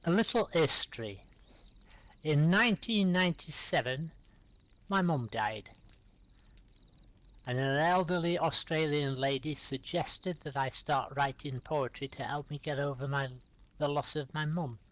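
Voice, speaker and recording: A middle-aged man with a somewhat high speaking voice hosts a live poetry reading. He recites his own rhyming verse aloud and calmly invites the next reader between poems. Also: unhurried.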